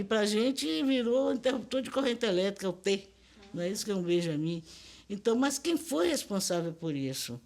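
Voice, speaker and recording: A woman's voice: medium pitch, a little mellow. Older Bahian woman lecturing emphatically. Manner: emphatic, lecturing, asks rhetorical questions. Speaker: linguist interviewee. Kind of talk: documentary interview.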